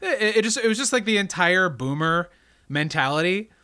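Lively bright-voiced man chatting. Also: high voice, moderate pace, clear, resonant tone, no room sound. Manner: animated, laughs often, acts out quotes. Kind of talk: casual movie discussion.

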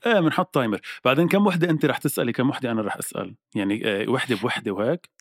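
A man with a Lebanese Arabic accent in casual chat, bantering in an animated, argumentative way. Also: medium pitch, rapid-fire, breathy edge, no echo, studio quality.

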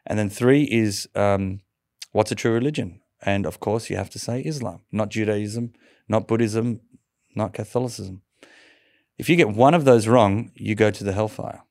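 Gravelly low-voiced man. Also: moderate pace, dry recording, clean studio sound. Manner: lively storyteller, laughs often, stumbles and restarts. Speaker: interview guest. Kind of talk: telling a personal conversion story.

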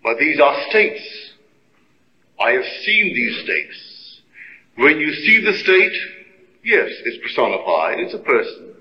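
A man giving a sermon-like religious lecture, speaking deliberately and emphatically in short, weighty phrases. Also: fairly high pitch, very animated. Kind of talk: sermon-like lecture to a live gathering. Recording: muffled old recording in echoey hall.

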